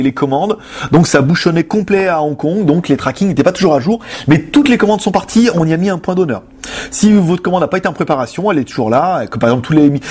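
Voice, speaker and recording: A man's voice: on the high side, darkish tone, slightly rough. A young adult man hosting a loose, joking chat where he answers viewer questions. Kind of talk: casual chat.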